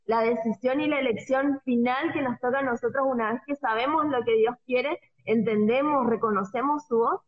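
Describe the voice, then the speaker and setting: A woman's voice: fairly high pitch, normal speed, hardly any pauses. A woman with a Rioplatense Spanish accent co-hosting a devotional radio talk, explaining step by step with everyday examples. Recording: dull muffled radio audio.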